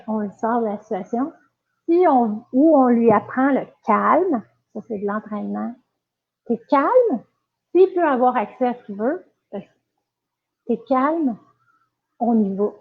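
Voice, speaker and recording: Chatty Québécois woman on tinny audio. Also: fairly high pitch. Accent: Quebec French. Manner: casual, chatty, many fillers and restarts. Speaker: dog trainer. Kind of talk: live-stream Q&A lesson.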